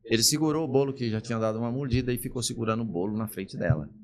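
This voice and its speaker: Animated storytelling pastor. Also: male voice, medium pitch, very fast. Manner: animated, acts out the people he quotes. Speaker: pastor, podcast guest. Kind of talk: personal storytelling in a podcast conversation. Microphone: podcast studio mic.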